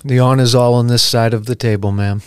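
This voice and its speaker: Polite, clear-voiced male podcast co-host. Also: medium pitch, steady tone, a little fast, no echo, clean studio sound. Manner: formal and polite, says ma'am. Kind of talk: casual podcast chat.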